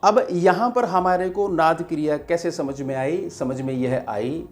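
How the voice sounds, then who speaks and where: A man, a spiritual teacher, giving a devotional teaching talk in a slow, measured way with pauses. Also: a little high, soft background music.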